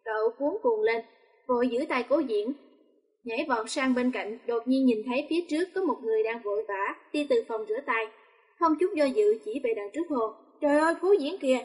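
A woman narrating a romance novel audiobook in a steady, even reading voice. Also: on the high side, brisk. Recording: long reverb.

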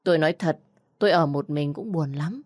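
A woman's voice: low voice, fairly quick, a little mellow, no echo, clean studio sound, lightly acted. A woman voicing a frightened runaway woman in her fifties in an audio story. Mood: pleading. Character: frightened runaway woman over fifty, pleading.

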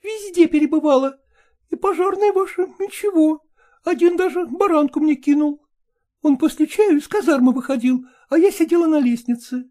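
A woman's voice: high voice, normal speed, dark tone, voice pushed up, lightly acted. A woman voicing a cheeky female stray dog in an audiobook, chattering in a coquettish, wheedling way. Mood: flirty chatty. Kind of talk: audiobook character voice.

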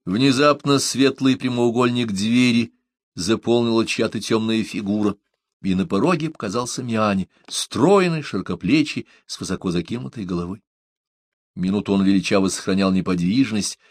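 Dry, measured male audiobook narrator. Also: lowish voice, no echo.

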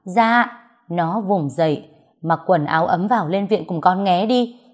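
Woman reading a story out loud, kinda low voice, does all the lines herself. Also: normal speed, breathy edge. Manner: reads all the characters' dialogue in her own voice. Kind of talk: scripted narration.

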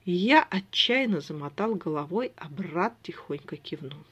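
Wry expressive audiobook reader. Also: mid-range voice, a little slow, breathy edge. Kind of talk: first-person audiobook narration. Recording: dull lo-fi recording.

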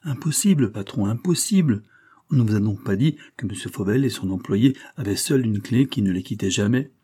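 A man reading aloud, voicing an eager, excitable young police agent who talks in exclamations. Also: on the low side, husky. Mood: excited. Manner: exclamatory, eager, quick to enthusiasm.

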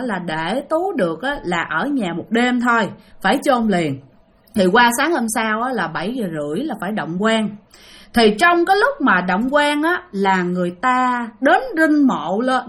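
A woman's voice: fairly high pitch, fairly bright tone. A woman with a Southern Vietnamese accent telling a ghost story, emotional and speaking directly to her listeners. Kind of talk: spoken ghost-story narration.

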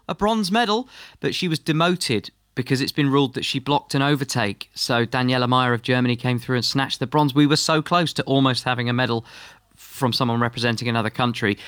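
A brisk British man reads sports news on breakfast radio into a studio microphone, adding a lightly wry touch between results. His medium-pitched, fairly bright voice sounds close and dry, with almost no room sound.

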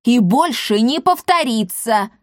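A woman's voice: a little high, expressive, moderate pace, dry recording, lightly acted. A hot-headed male cat pilot barks threats in a raised, strained voice, as a woman reader puts him on. The sound is close and dry. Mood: furious. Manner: shouting, threatening.

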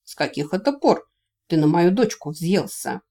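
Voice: mid-range voice, sing-song, normal speed, dark tone. Reader doing smug teasing dragon lord, an uncle figure, audiobook. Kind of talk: audiobook reading.

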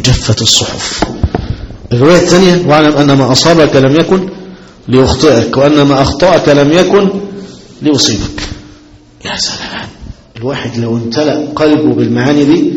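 A man with an Egyptian accent, a sheikh giving a religious lesson, animated and often asking rhetorical questions before he answers them. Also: mid-range voice, quick pace, pauses often, big-room sound, lo-fi sound, a little hiss or hum. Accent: Egyptian Arabic. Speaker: sheikh teaching a hadith book.

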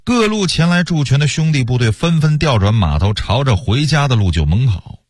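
Husky, animated male storyteller. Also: medium pitch, a little fast, dry recording, clean studio sound. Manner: lively, colloquial storyteller with asides. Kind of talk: radio historical storytelling.

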